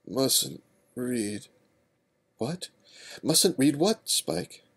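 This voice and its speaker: A man voicing an anxious, bookish young female unicorn with a high, fretful voice. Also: very animated, a little mellow. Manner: fretful, rapid, raised.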